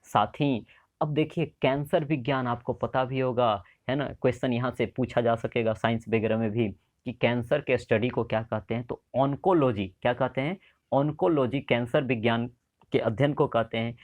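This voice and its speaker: A man's voice: medium pitch, steady tone, moderate pace, a little mellow. Man drilling exam facts with questions. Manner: drills facts with repeated questions and memory tricks. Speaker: exam coaching teacher. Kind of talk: current affairs exam lesson.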